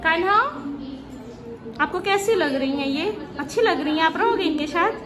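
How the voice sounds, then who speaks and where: A woman's voice: very high-pitched, expressive, normal speed, over a noisy crowd. A woman vlogger, aunt to the children, coaxing and directing little kids with short repeated commands in a school playroom. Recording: noisy background ambience.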